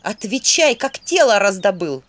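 A woman voicing a fierce young witch who speaks loud, sharp and commanding in a spoken story. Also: medium pitch, sing-song, measured pace.

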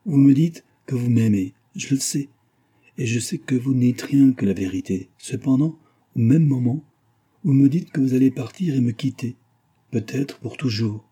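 A man voicing a passionate lady who pleads for her beloved's love, read in an audiobook with a husky, impassioned delivery. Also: mid-range voice, mellow, close to an everyday voice. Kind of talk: audiobook reading of a novel.

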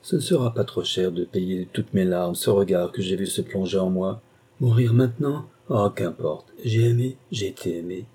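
A man's voice: low voice, moderate pace, dark tone, breathy edge. A man reading a passionate young woman governess in an audiobook, impassioned and pleading.

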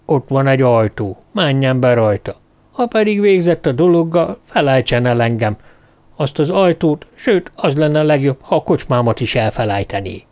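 A man reading the lines of a gruff, wary male innkeeper in an audiobook, grumbling his warnings. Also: mid-range voice, lively intonation, darkish tone, close to an everyday voice.

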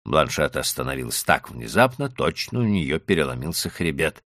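A man's voice: rumbling low, sing-song, normal speed, a bit bright, no room sound, clean studio sound. A man narrating an audiobook in the first person, with dramatic storytelling. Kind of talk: scripted narration.

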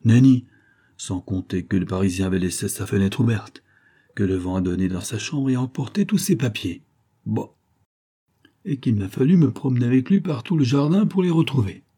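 A man's voice: medium pitch, animated, moderate pace, mellow, breathy edge. A man voicing an eager, boastful young farmhand who talks in a rustic way, in a read-aloud storybook. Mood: confiding.

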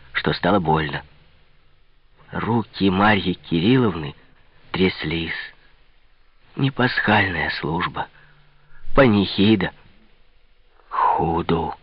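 Male audiobook narrator, low husky voice, slow expressive delivery, dry close sound. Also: no room sound, muffled recording. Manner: slow, expressive reading with quiet drops and whispers. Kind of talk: scripted narration of a novel.

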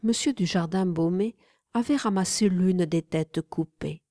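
A woman narrating a literary memoir audiobook in a measured, even storytelling manner. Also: on the low side, no room sound, clean studio sound. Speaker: audiobook reader.

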